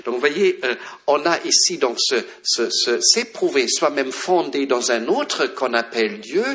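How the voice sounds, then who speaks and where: A man's voice: medium pitch, expressive, unhurried, fairly bright tone, slight background noise. A man giving a lecture on the Bible, reading passages aloud and explaining them with many fillers and restarts.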